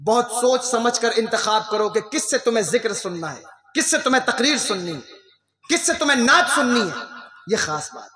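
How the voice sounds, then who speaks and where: A man's voice: extremely high pitch, animated, sharp tone, reverberant. A man preaching a religious sermon with passion, firing rhetorical questions at his listeners and breaking into exclamations. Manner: impassioned, rhetorical questions to the crowd, frequent exclamations.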